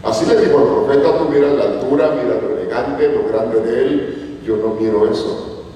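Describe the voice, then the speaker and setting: A man's voice: mid-range voice, normal speed, dark tone, highs cut off, slight background noise. A man from Guatemala preaching a sermon in a church, telling stories with rising emphasis. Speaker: pastor. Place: church hall. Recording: echoey church hall from far off.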